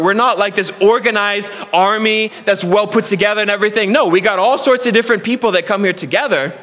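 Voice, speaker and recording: A man's voice: high voice, a bit bright, in a large hall. A man preaching a sermon with energy, telling a story and often stumbling over repeated words. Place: church hall.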